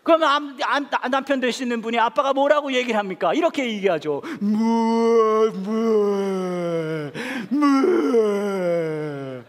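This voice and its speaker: Pastor guy giving a sermon, bouncy high voice, does the voices of people in his stories. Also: fast, hardly any pauses, long reverb tail. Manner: animated storytelling, acting out family quarrels in a high voice.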